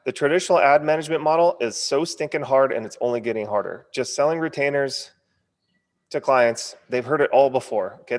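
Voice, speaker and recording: Numb-lipped, stumbling American man in reverberant sound. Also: mid-range voice. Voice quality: stumbling, numb-lipped speech from a partly numb lip. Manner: informal, punchy, frequent check-in tags. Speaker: online course coach. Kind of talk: casual sales training webinar.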